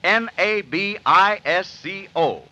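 A man's voice: high-pitched, slow, bright, forceful tone. An American man announcing in old radio style, with emphatic, showy salesmanship aimed at young listeners, on a vintage broadcast recording. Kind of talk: old-time radio announcing, enthusiastic sponsor pitch.

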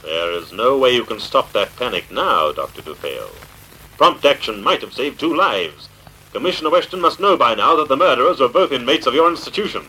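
An actor playing an unseen, menacing crime-fighter, accusing and commanding in a theatrical old radio drama style, through a filtered voice. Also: male voice, medium pitch, expressive, a little fast, pushed and bright, breathy edge, poor audio. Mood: accusing, stern. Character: unseen avenging crime-fighter, menacing, mocking invisible man. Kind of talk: vintage radio drama acting.

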